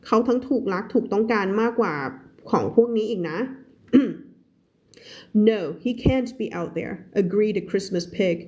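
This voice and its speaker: Lady teacher doing a live reading class, slow and patient, says words over and over. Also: medium pitch, warm tone. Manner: explains word by word, repeats words for stress and sounds. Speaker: English teacher.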